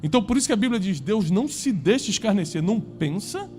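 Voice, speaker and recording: A man preaching a sermon to a congregation, emphatic, rising to loud peaks and dropping low. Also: sing-song, quick pace, soft background music. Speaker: pastor.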